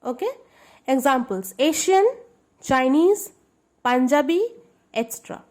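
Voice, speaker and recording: A woman's voice: high-pitched, lively intonation, measured pace, a little mellow. A woman teaching a grammar lesson to schoolchildren, explaining patiently and checking that they understand.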